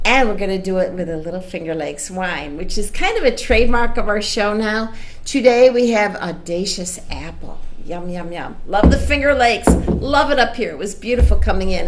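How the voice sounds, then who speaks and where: A woman's voice: mid-range voice, a little hiss or hum. A woman hosting a workplace talk show, opening with an enthusiastic introduction of her guest.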